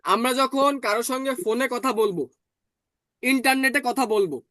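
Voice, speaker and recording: A man teaching German in an online class, explaining patiently and slowly repeating words. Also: very high-pitched, pushed and bright, no echo, studio quality.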